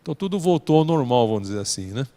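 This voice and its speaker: A man's voice: medium pitch, lively intonation, racing, dark tone. A man with a Brazilian Portuguese accent teaching a religious study lesson as a story, often ending phrases with a questioning "né?". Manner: tags sentences with a questioning "né?". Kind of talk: storytelling lecture. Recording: long hall reverb.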